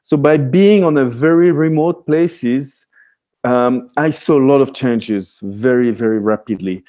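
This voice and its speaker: Swiss guy, french is his first language, mellow and a bit muffled, lots of uh and restarts. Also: mid-range voice, a little slow. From Switzerland. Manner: hesitant, many restarts and fillers. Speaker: guest, freeride skier. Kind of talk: casual interview talk.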